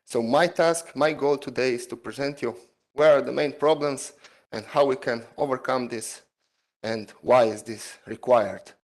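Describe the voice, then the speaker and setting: Over a video call, a male PhD student presents an online seminar talk, halting often, using many fillers and non-native phrasing. His mid-range voice is a little mellow, and the audio quality is poor.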